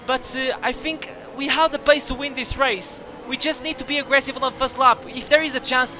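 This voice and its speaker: A young man commentating his own racing game career with energetic, jokey delivery that bursts into shouts at crashes. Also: very high-pitched, a little fast, background noise. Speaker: gaming YouTuber.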